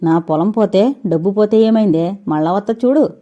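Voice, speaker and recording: A woman's voice: mid-range voice, normal speed, warm tone, lo-fi sound, natural voice. A woman voicing a greedy, scornful older village man who talks in a harsh rustic dialect.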